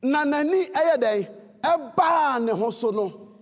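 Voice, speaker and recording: A man with a Ghanaian accent preaching a sermon, swinging between fervent shouts and low, earnest tones. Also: expressive, slow, in a large hall.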